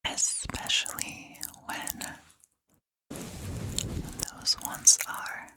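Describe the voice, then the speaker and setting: A woman murmurs in a soft, breathy whisper, ASMR-style and conversational, right up against a close ear-to-ear stereo microphone. Her phrases come out short, slow and halting, with lengthy pauses.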